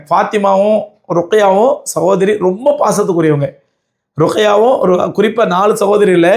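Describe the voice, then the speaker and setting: A middle-aged man, preaching a sermon. He tells the story in colloquial speech, lists parallel phrases emphatically and quotes Arabic verses. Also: sits high. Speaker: Islamic preacher. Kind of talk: sermon on the Prophet's life.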